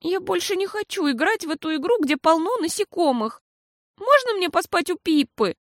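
A woman voicing an excitable, fidgety seven-year-old girl who squeals and whines. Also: extremely high pitch, moderate pace, no room sound, clean studio sound, pitched above the performer's own voice. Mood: frightened whiny. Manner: squealing, whiny and breathless.

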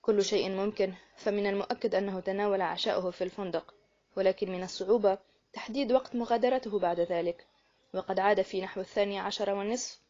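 A woman voicing a shrewd older male detective in an audiobook, reasoning in a measured way. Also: medium pitch, steady tone, darkish tone, highs cut off, close to an everyday voice. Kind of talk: audiobook character reading.

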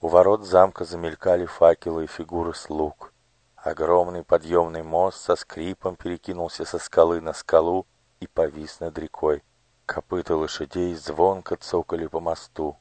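A man calmly narrating a storybook in a measured reading voice. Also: sits low, dry recording. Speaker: audiobook narrator.

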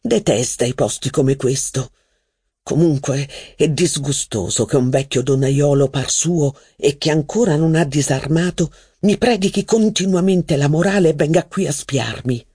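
An audiobook reader voicing a jealous, irritable young aristocrat who talks low and urgently, a little husky, in a dry room. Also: moderate pace, darkish tone, no echo, lightly acted. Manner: urgent, low, partly whispered. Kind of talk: audiobook character reading.

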